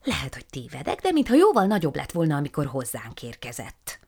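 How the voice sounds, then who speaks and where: A woman voicing an excitable, dramatic witch in a storybook reading, chanting spells with theatrical flair. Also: low voice, vocal fry, husky, heavily acted. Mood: wondering.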